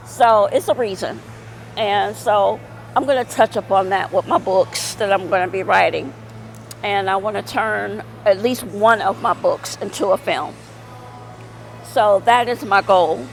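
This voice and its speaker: Middle-aged woman, unhurried rambling vlog talk, faint traffic behind. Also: mid-range voice, creaky, rough recording. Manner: rambling, many fillers and repeats. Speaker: vlogger. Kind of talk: casual vlog monologue.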